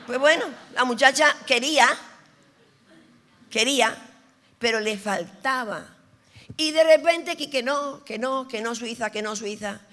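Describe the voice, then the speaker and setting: A woman pastor preaching an animated sermon, telling stories and teasing her audience. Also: fairly high pitch, measured pace, long pauses. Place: large church hall. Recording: reverberant hall.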